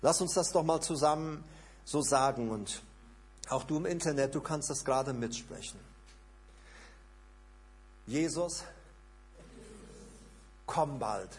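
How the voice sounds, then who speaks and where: A husky man preaches with fervent repetition in a church service. His voice sits fairly high for a man. He leads the congregation through short, repeated prayers and sinks to a hushed, low voice when he speaks them. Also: moderate pace. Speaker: pastor. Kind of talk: sermon with spoken prayer. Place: church service, also streamed online.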